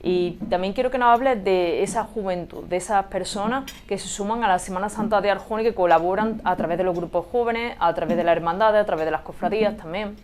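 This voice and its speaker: A woman's voice: mid-range voice, quick pace, hardly any pauses, a little mellow. A woman working as an interviewer, putting questions to a guest. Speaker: radio interviewer. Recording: noticeable background noise.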